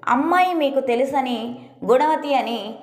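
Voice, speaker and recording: A woman storyteller puts on an indignant middle-aged wife who scolds her husband in a sharp, reproachful tone. Her voice sits high and carries an echo from the room it was recorded in. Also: measured pace.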